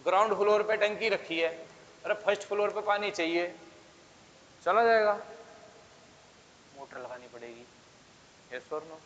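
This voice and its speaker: A man's voice: sits high, moderate pace, pauses often, a bit bright, slight background noise. A male physics teacher lecturing a class, coaxing students with constant questions and asking for yes or no answers. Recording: dull sound with long reverb.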